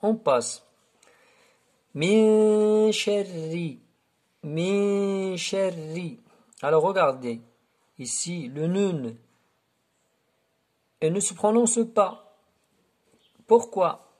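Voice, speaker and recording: A man teaching Quran recitation rules step by step, repeating words slowly and drawing out syllables. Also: sits high, darkish tone, breathy edge. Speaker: tajweed teacher. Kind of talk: slow step-by-step recitation lesson.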